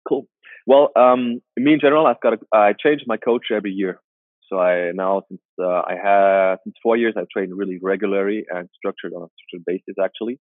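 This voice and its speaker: A man who works as a strength coach, answering interview questions in a halting way and restarting his phrases often. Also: on the low side, steady tone, no room sound. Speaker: strength coach and personal trainer. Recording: tinny phone-like call line.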